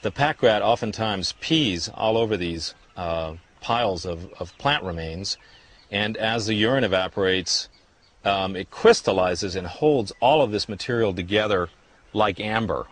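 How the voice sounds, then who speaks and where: A man's voice: on the low side, unhurried. A middle-aged man, a scientist, explaining informally in the field for a nature documentary. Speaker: paleobotanist. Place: outdoors at a rock shelter.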